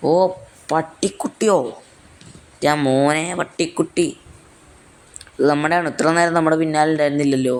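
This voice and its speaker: A man's voice: on the high side, steady tone, fairly quick, clean tone. A young man giving casual, joking gameplay commentary, mixing in English fillers. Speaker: gaming YouTuber.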